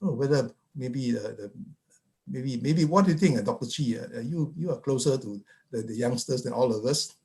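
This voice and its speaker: A man from Malaysia, a psychiatrist on a webinar panel, firing off rhetorical questions with halting restarts over a video call. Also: medium pitch, darkish tone.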